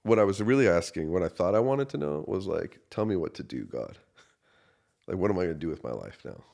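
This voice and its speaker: Deep gravelly-voiced man telling his story. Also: big pitch swings, a little fast. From United States. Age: 30s. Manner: earnest and emotional storytelling, swinging from quiet to loud. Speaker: associate pastor. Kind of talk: personal testimony in a podcast interview.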